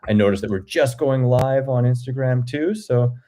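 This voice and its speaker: A man's voice: mid-range voice, normal speed, mellow. A Canadian man in his forties, a guest chatting enthusiastically on a video call and rambling through his stories. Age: 40s. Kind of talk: casual chat.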